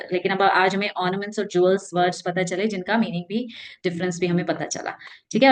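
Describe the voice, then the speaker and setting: Woman teaching vocabulary, patient and chatty. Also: medium pitch. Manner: explains patiently, mixes Hindi and English, reads definitions slowly. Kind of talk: casual Hindi-English explanation lesson.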